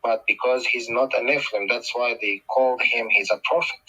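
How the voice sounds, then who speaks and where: Male guest speaker, Tongan accent, bright and forceful. Emphatic religious explainer who repeats key phrases. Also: medium pitch, fairly even intonation, fairly quick, slightly rough, rough recording. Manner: emphatic, repeats phrases, poses rhetorical questions.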